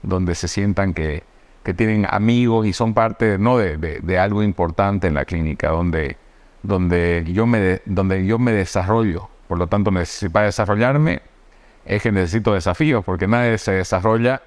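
A man hosting a podcast, thinking aloud in a hesitant way with many pauses and restarts. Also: sits low. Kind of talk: reflective conversational podcast. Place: indoor podcast studio.

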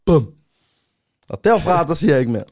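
A young man from Amager, Denmark, telling a personal story in a casual chat, animated and often checking that the listener follows. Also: medium pitch. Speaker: guest, rapper.

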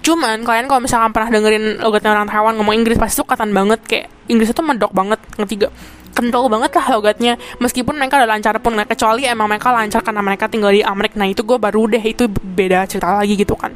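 A woman's voice: fairly high pitch, steady tone, very fast. A young woman, telling a story in a casual, slangy chat and often asking if you get it. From Indonesia. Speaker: podcaster.

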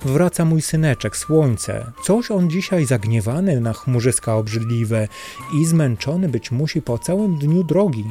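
A man voicing the old mother of the sun in a fairy tale, a gentle, fussing old woman. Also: medium pitch, lively intonation, measured pace, faint music behind, natural voice. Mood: caring.

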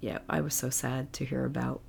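A middle-aged woman, a guest on her daughter's podcast, speaking earnestly and hesitantly with halting restarts. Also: very deep voice, flat delivery, gravelly, a little mellow, a little hiss or hum. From United States. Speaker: guest, the host's mother. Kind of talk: casual chat.

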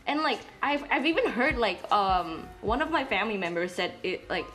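A woman's voice: medium pitch, animated, moderate pace, fairly bright tone, faint music behind. A young woman from Indonesia co-hosting a podcast, talking bluntly, swearing freely and mixing in Indonesian words. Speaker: podcast co-host. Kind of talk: casual chat.

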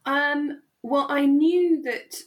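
Her voice sits high, with fairly even intonation and a slow pace, as she co-hosts a podcast. The conversation is casual and thoughtful, and she works through ideas aloud hesitantly, often circling back over the same phrases.

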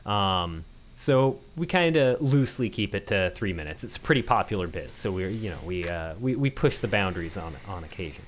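A man's voice: sits low, lively intonation, a little fast, a little hiss or hum. A man hosting a film review podcast, calling in remotely, talking casually with loose fillers and restarts. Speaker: podcast host. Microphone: remote call-in mic.

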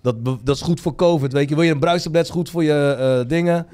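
A man's voice: on the high side, quick pace, darkish tone, close to an everyday voice. A man imitating a big, burly prisoner who rambles and mumbles. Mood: rambling.

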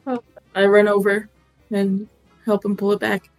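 Creaky-voiced woman playing a tabletop game. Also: medium pitch, monotone, measured pace, darkish tone, soft background music, low-quality recording. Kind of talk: casual in-game chat.

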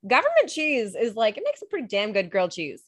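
A woman's voice: fairly high pitch, huge pitch swings, fast talker, fairly bright tone, no room sound. A young woman with a lisp, co-hosting a casual podcast with jokey, rambling asides. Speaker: podcast co-host.

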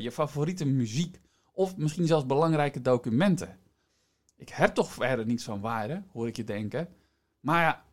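A man hosts a podcast, explaining things in a semi-scripted way and addressing the listener directly. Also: mid-range voice. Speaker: podcast host.

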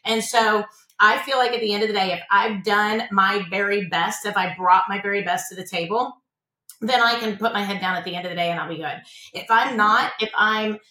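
A woman's voice: medium pitch, steady tone, fairly quick, sharp tone, roomy sound, poor audio. A woman who owns an insurance agency, a podcast guest talking about her work in an earnest, motivational way and often repeating words as she starts a thought. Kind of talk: casual interview chat.

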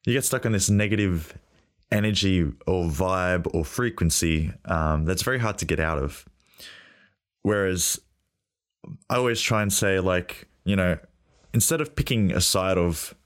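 Deep husky-voiced man hosting a podcast. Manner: reflective, loose, frequent fillers and throat clearing. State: husky from a cold. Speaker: podcast host. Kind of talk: solo podcast monologue.

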